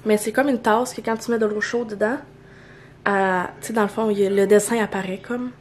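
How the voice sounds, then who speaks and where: A woman's voice: medium pitch, steady tone, brisk, a little hiss or hum. A young woman with a Québécois accent, chatting casually at home in a morning vlog, rambling with lots of fillers and restarts. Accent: Québécois French. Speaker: vlogger.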